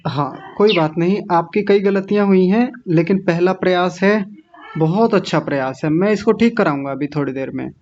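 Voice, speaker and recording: A male teacher leading an online recitation class, patiently drilling each word slowly, syllable by syllable. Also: high-pitched, darkish tone, lo-fi sound.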